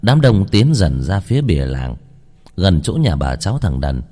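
A man reading a ghost story aloud in measured, dramatic storytelling. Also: deep voice, big pitch swings, mellow. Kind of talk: scripted ghost-story narration.

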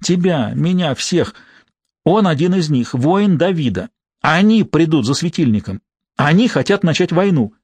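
A man voicing a beaten female journalist, hoarse and short of breath. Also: a little high, animated, normal speed, a little mellow, no echo, pitched above the performer's own voice. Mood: urgent pleading.

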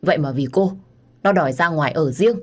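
A woman voicing an angry, sharp-tongued older mother-in-law who scolds and accuses in a storybook reading. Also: fairly low pitch, animated, fairly quick, pitched above the performer's own voice. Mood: furious.

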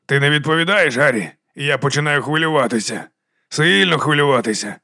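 Guy doing a calm creepy killer on the phone, soft and teasing. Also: on the high side, brisk, no room sound, studio quality. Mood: quietly taunting. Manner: soft, quiet, taunting.

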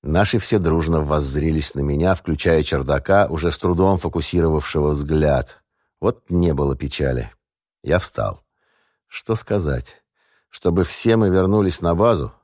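Deep male voice reading an audiobook, measured and a bit wry, dry close studio sound. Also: a little mellow, dry recording. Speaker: audiobook narrator. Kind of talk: scripted first-person narration.

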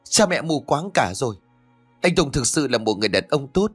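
A man's voice: medium pitch, normal speed, a bit bright, husky, faint music behind. A man voicing a naive young woman in love who pleads and defends her lover. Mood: defiant. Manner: pleading, then crying out defiantly.

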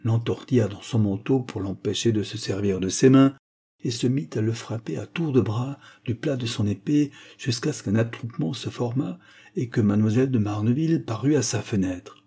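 A man narrating a classic story as an audiobook reader, measured and expressive. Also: medium pitch, husky. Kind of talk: scripted narration.

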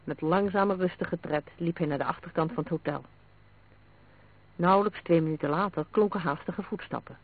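A man reading a detective story aloud in a steady, measured way. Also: a little high. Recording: narrow phone-like sound.

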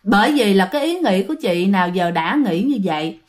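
A woman's voice: medium pitch, lively intonation, brisk. A woman telling a ghost story in a chatty way, often speaking straight to her listeners. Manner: chatty, many fillers, addresses the audience directly.

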